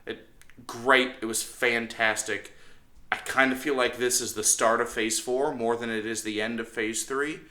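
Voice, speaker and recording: A man's voice: medium pitch, fairly even intonation, a little slow, pushed and bright. A man hosting a casual movie review, rambling and often doubling back on his phrases. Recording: echoey room.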